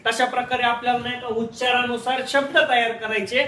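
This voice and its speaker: A male teacher running a call-and-response lesson, loudly quizzing his class and repeating each point. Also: very high voice, level tone, a little fast. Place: echoey classroom full of pupils. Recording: roomy, distant, loud class noise.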